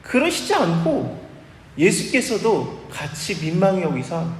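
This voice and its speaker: Animated preacher man in an echoey hall. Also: high-pitched, measured pace, slight background noise. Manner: animated, acts out quoted dialogue. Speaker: pastor. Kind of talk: expository sermon. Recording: echoey hall, live church recording.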